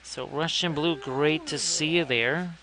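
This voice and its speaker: A man's voice: on the high side, fairly even intonation, a little slow, pushed and bright, a little hiss or hum. A man hosting a casual live stream, chatty, with wry asides and frequent thanks to viewers. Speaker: live-stream host painting miniatures.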